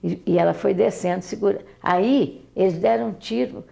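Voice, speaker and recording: An older Brazilian-accented woman recalls her daughter for an oral history interview, her medium-pitched voice creaky yet warm. She speaks haltingly, repeating words frequently.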